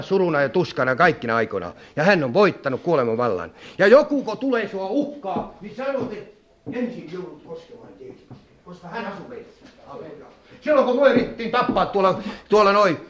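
A man preaching a fervent sermon as an evangelist, repeating phrases and swinging between loud calls and hushed asides. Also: on the high side.

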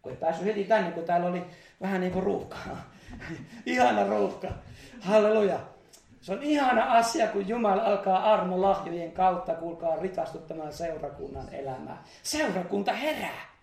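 Here a man with a high voice, some vocal fry and a slightly mellow quality preaches in a roomy-sounding church meeting hall. His charismatic sermon is fervent, punctuated by hallelujahs and laughter between phrases.

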